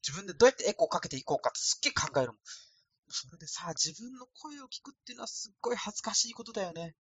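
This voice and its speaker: A man's voice: high voice, sing-song, rapid-fire, fairly bright tone, husky. A man from Osaka rambling casually through a solo podcast, with a thin, light voice and a self-deprecating manner. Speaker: podcast host. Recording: dry, no added echo.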